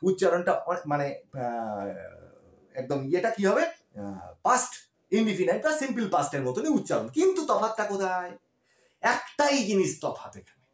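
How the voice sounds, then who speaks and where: Explaining English grammar one step at a time, this man poses questions, answers them himself and keeps checking in with students through short confirming questions. He sounds high-pitched and a bit bright, and the room is reverberant.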